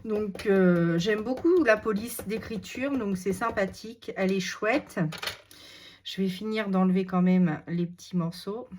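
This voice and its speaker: A woman with a French regional accent demonstrating a craft technique step by step, chatty and unhurried, thinking aloud with many fillers. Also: mid-range voice, darkish tone. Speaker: crafting tutorial host. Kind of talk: casual step-by-step crafting demo.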